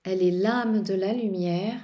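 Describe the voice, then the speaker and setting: A woman's voice: mid-range voice, unhurried, dark tone. A woman vlogging casually about tarot decks, rambling with frequent hesitations and restarts. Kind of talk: casual tarot show-and-tell.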